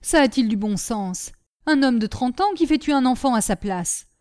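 A woman reader voicing a grumbling, quarrelsome old woman servant who scolds without pause. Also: sits high, very animated, a little mellow, pitched above the performer's own voice. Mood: scolding. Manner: scolding, quarrelsome, quick retorts.

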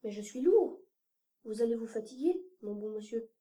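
A woman's voice: fairly high pitch, animated, normal speed, dark tone, natural voice. A woman voicing a polite, trusting little boy in an audiobook. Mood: earnest. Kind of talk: audiobook character reading.

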